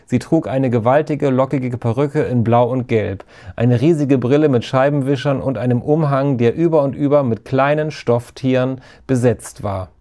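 A man reading a children's story aloud, steady and lively. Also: medium pitch. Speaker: narrator. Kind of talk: storybook narration.

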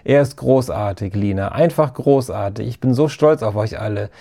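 A man voicing an excitable, loud female teacher in a storybook reading, shrill and effusive. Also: normal speed, vocal fry. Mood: proud.

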